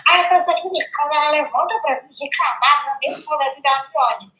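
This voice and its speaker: A Brazilian woman in her twenties, an interview guest telling stories in a lively, joking way and acting out the voices she quotes. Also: sits high, very fast, a little hiss or hum. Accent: Brazilian Portuguese. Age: 20s. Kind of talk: casual storytelling chat. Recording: roomy echo.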